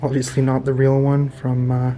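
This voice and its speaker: A man giving a casual vlog tour in a hushed, low-key way that often drops toward a whisper, speaking indoors as an investigator and host. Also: completely flat delivery, normal speed, background noise. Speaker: paranormal investigation vlogger, host. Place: indoors in an old house.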